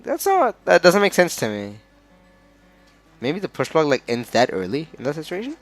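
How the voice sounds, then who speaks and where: A man's voice: a little high, wildly swooping pitch, normal speed, soft background music. A man with an Australian accent giving casual analysis of a fighting game match, chatty and often stumbling over the players' names.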